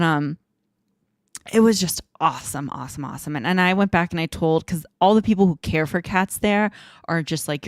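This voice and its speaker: A woman's voice: low voice, smooth, dry recording, studio quality. A woman co-hosting a casual podcast chat, rambling and emotional, often breaking into laughter. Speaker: podcast co-host.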